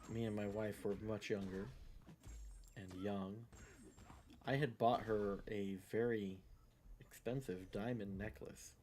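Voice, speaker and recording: A man's voice: fairly low pitch, a little mellow, slight background noise. A middle-aged man livestreaming a game, rambling through a casual story and often asking "right?" and "you know?" into a headset mic. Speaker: gaming livestreamer. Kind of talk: casual storytelling while playing a game live.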